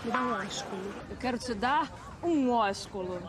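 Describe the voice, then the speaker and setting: A woman's voice: fairly high pitch, expressive, moderate pace. A woman interviewing passersby on a city street outdoors, asking playful, teasing questions. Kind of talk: street vox-pop quiz. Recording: street crowd and loud music behind.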